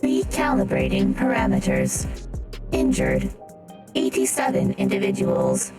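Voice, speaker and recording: A woman voicing a calm, dutiful robot officer through a clangy robot voice changer, with a flat, formal, mechanical delivery. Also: very deep voice, measured pace, pitched below the performer's own voice, exaggerated voice. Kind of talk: reading game dialogue aloud. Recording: loud game music behind.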